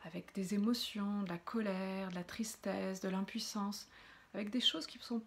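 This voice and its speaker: A woman with a medium-pitched voice leads a guided breathing exercise. She addresses listeners directly as a relaxation coach. Her explanations come gently, one phrase at a time. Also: steady tone, moderate pace.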